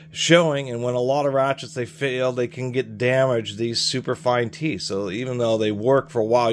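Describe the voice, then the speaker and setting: A man's voice: lowish voice, a little hiss or hum. A man reviewing hand tools at his workbench in a casual, explanatory way, rambling and restarting his sentences. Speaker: tool reviewer. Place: workshop bench, hands on tools.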